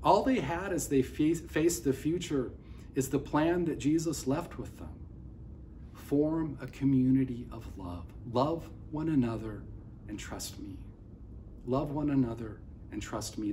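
Close to the camera by a big window overlooking office towers, a middle-aged pastor preaches earnestly indoors, gesturing with open palms. His mid-range voice is mellow and unhurried, with slight background noise in the audio.

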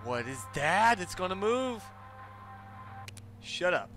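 A man's voice: sits high, very animated, slow pace, fairly bright tone, faint music behind. A man giving casual horror game commentary as a scared streamer, jumpy and talking to himself and to the game.

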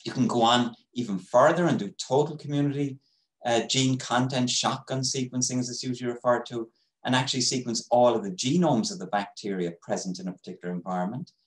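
A man giving an academic webinar lecture over a video call, explaining in a measured way with frequent pauses. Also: medium pitch, reverberant, rough recording. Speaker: microbiology professor giving a webinar talk.

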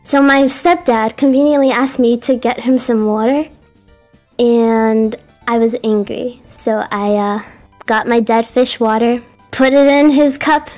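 A young adult woman from Colombia and the United States, her high voice darkish in tone yet very youthful and girlish. As a guest caller with a cute anime-streamer manner, she casually tells confessional stories.

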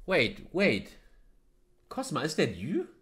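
A man, hosting a casual reaction video, animated, swearing freely and laughing often. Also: on the high side, slow pace, slight background noise. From Germany. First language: German.

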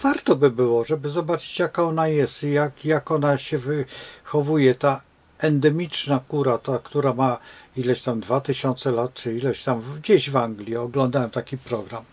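A man's voice: mid-range voice, steady tone, normal speed, a little mellow, breathy edge. An older man from Poland giving a rambling, digressive informal talk as an astrologer to his followers, with many hesitations and wry chuckles.

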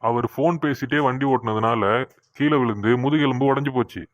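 Woman doing a deep, grave cartoon doctor. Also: fairly quick, no echo, highs cut off. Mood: stern. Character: stern middle-aged male hospital doctor.

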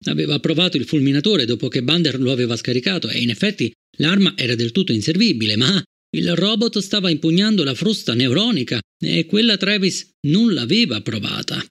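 A man narrating an audiobook in a measured, even storytelling manner. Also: fairly high pitch, creaky, slightly rough. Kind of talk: scripted narration.

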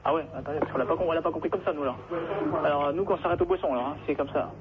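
A trucking company employee picks up the phone and speaks off the cuff, his rapid, higher-pitched male voice squeezed through a narrow, hissing line. Flustered, he keeps objecting with repeated "non, non."

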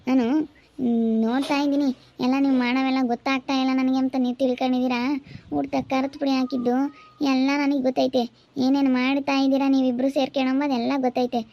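A woman acts out a quarrelsome middle-aged village aunt in a home-made drama. She scolds and accuses in a high, flat voice. The recording is slightly dull and lo-fi.

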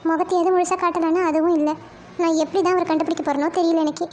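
A very high, quick young cartoon heroine, voiced by a woman, a dreamy and earnest college girl. She chats brightly with friends and turns indignant with her sister. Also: little pitch movement, slight background noise. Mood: chatty. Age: young adult. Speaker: lead character. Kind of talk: cartoon voice acting.

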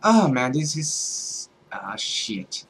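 A man's voice: mid-range voice, big pitch swings, very slow, fairly bright tone, slightly rough. A young man giving let's-play commentary, full of startled exclamations and swearing. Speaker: gaming YouTuber.

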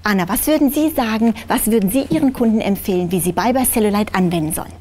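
A woman's voice: medium pitch, quick pace, darkish tone. A woman hosting an infomercial interview in a TV studio, putting questions to a guest.

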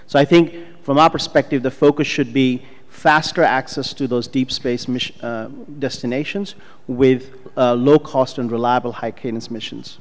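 A man's voice: medium pitch, steady tone, moderate pace. A middle-aged man, a startup co-founder, giving fluent, businesslike panel remarks with filler ums into a handheld microphone on a conference stage. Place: large conference hall stage, indoors. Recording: long reverb of a conference hall.

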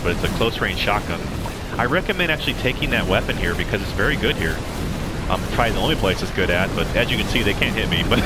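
This young gameplay commentator has a low voice and rambles casually through a game walkthrough with plenty of ums and restarts. The audio is poor, and game music runs beneath his speech.

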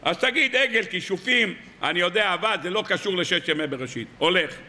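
A man preaching as a rabbi, telling stories and firing rhetorical questions at his listeners. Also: sits high. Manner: lively storytelling with rhetorical questions. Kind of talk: weekly sermon.

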